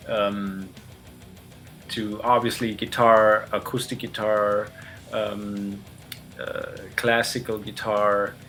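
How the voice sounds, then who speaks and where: A man's voice: on the low side, a bit bright. A man, a guitarist giving casual interview answers over a video call, speaking hesitantly with many fillers. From Austria.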